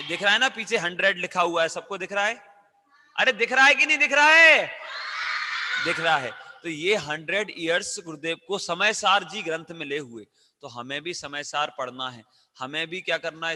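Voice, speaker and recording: Man, children's teacher, high and very bright voice, coaxing call-and-response quizzing, long hall echo. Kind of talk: interactive class for children.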